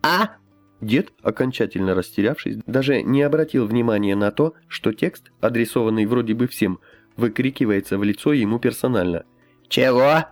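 A man reading an audiobook aloud in an expressive storytelling manner. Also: on the low side, brisk, dry recording, soft background music. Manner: expressive, lively. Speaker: audiobook reader. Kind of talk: scripted narration.

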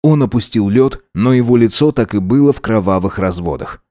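A man narrating an audiobook in a scripted, expressive way. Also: lowish voice, a little fast, dry recording, clean studio sound. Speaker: audiobook reader.

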